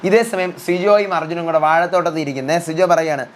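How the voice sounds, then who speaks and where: A man's voice: on the high side, a little hiss or hum. A young man recapping a reality show episode in casual, chatty speech, retelling what the housemates said. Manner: rapid chatty retelling, voicing housemates' quotes. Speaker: reality show reviewer, channel host.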